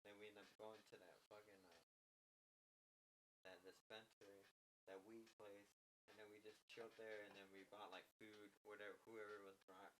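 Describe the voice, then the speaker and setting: A man's voice: fairly low pitch, level tone, a bit bright, slight background noise, rough recording. A man in casual podcast chat, recounting a trip with lots of uh and like as he hunts for words. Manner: recounting stories, halting with fillers. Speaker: podcast guest.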